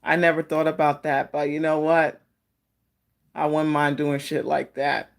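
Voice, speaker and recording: Casting: fortune-teller type, androgynous mid-pitched voice, slow reflective delivery, casual live card readings for named viewers. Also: little pitch movement, creaky. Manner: fortune-teller style, addressing people by name, reflective.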